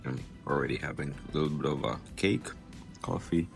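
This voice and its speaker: A man's voice: very deep voice, fairly even intonation, fairly quick, gravelly, soft background music. A man chatting casually as he vlogs his working day as an assistant cruise director. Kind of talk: casual vlog chat.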